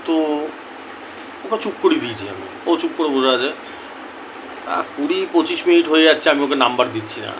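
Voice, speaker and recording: A young man telling viewers a story in a casual, animated way, acting out both sides of a conversation. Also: on the high side, fairly quick, pauses often, muffled recording, background noise. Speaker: lottery tips YouTuber.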